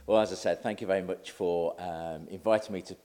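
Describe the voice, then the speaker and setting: A man's voice: low-pitched, fairly even intonation, a little fast, dark tone. A middle-aged man giving a conversational, self-deprecating sermon. He says he is slightly nervous. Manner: chatty, self-deprecating, acts out quotes. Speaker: lay preacher.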